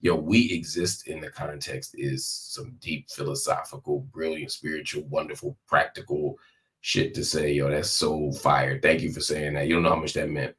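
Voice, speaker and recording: Male live-stream political host, low voice, emphatic and conversational, leaning on repetition, recording in a hospital room. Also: flat delivery, normal speed, fairly bright tone. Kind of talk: live political commentary, direct address to viewers.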